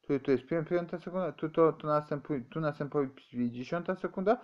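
Halting, rambling man on a muffled recording. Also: on the high side. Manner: halting, many restarts and repeated words. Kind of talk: rambling amateur explanation.

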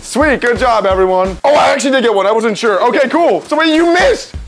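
A young adult man hosting a challenge among friends in casual, excitable chat, often shouting, recorded indoors. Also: very high-pitched, brisk. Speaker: challenge video host. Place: indoors in a basement games room. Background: music.

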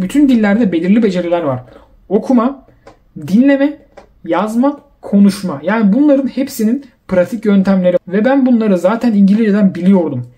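Fast-talking, high-pitched young man. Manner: animated, acts out quoted voices. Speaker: YouTuber giving language-learning advice. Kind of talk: casual advice monologue to viewers.

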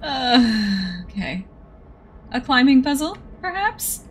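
A woman hosting a casual let's-play, swearing freely and reacting out loud to the game. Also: high voice, big pitch swings, takes it slowly, a little hiss or hum. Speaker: gaming channel host. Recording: faint game music behind.

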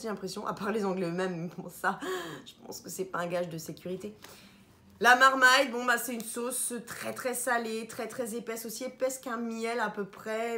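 A woman vlogging casually about her shopping haul, chatty and animated, stumbling over foreign words, and sounding tired. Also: a little high. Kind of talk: casual haul vlog chat.

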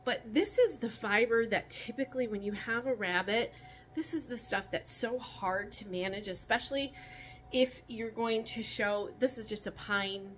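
A woman's voice: on the high side, moderate pace, slight background noise. A woman from Michigan chatting casually outdoors while handling her rabbits, rambling with many ums and restarts. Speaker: rabbit keeper vlogger. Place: outdoors by a rabbit colony pen.

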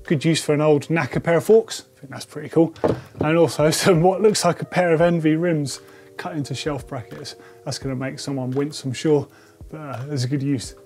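A man's voice: a little high, fairly even intonation, moderate pace. A man in his forties, chatting enthusiastically as he tours a bike workshop and thinks aloud. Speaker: presenter. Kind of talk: casual workshop tour. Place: indoor bike workshop shed.

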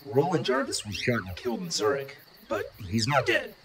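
Robotic male AI voice, deadpan, formal, very high, swooping pitch, quick, music underneath. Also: crowd noise. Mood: matter-of-fact. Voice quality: synthetic robotic voice. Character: flat robotic AI voice, literal-minded, humorless. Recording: music bed behind.

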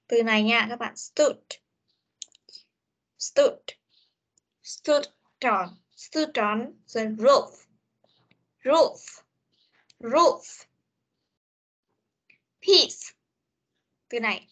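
A woman whose first language is Vietnamese teaches English pronunciation over a video call. Her voice is bright and a little high. She drills each word slowly and repeats it several times. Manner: repeats words slowly for students to copy. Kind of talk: online class pronunciation drill.

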